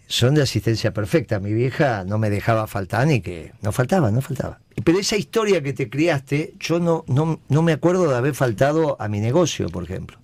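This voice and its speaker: Animated Argentine radio host, man. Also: mid-range voice, dry recording. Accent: Argentine Rioplatense Spanish. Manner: animated storyteller, repeats "¿viste?". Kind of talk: casual radio conversation.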